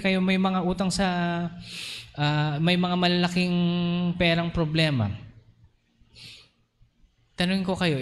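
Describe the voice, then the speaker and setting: A Filipino man preaching in a fairly high voice, lapsing into English and slowing down for scripture. He acts out the voices of his congregation. His voice rings through a church hall with a long tail of reverb and a faint hum of room ambience. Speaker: pastor. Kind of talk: sermon.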